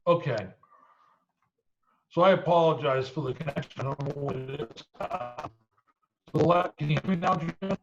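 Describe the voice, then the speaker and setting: A man speaking on a panel over a video call whose audio keeps breaking up, talking in a halting way with many pauses. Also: fairly high pitch, muffled recording, a little hiss or hum. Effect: choppy, breaking-up video call audio. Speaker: panelist describing a reentry program.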